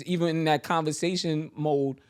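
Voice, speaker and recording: A man co-hosting a podcast in casual chat, trading quick jokes and banter. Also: on the high side, fairly even intonation, clean tone. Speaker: podcast co-host.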